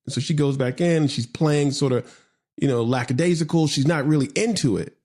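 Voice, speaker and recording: A man's voice: fairly high pitch, a little fast, darkish tone. A middle-aged man hosting a podcast, telling stories with animation and emphasis and reading a poem aloud. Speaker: podcast host. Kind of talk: conversational storytelling and poetry reading.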